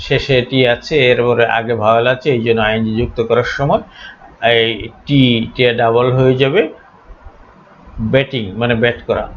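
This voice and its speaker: A man teaching an English grammar lesson, speaking deliberately, spelling out letters and pausing on frequent fillers. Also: mid-range voice, dull audio, slight background noise.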